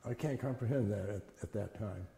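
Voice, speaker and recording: A man of at least 70 is interviewed about his childhood, telling it in a plain, conversational way with the odd halt. His lowish, fairly quick voice is dark, very soft-edged and gravelly with a creak, and the echoey room gives the recording a long reverb.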